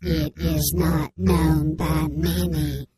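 A man playing a grave, anonymous male whistleblower on a radio comedy bit, his voice electronically disguised, giving slow, solemn deadpan testimony. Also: fairly high pitch, over a noisy crowd. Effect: disguised voice, electronically altered. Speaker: anonymous informant caller.

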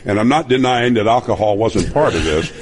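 A man's voice: on the low side, lively intonation, a little fast. A man in his seventies from Nebraska, a broadcaster telling rambling stories and laughing often in a casual chat. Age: 70s. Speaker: guest broadcaster.

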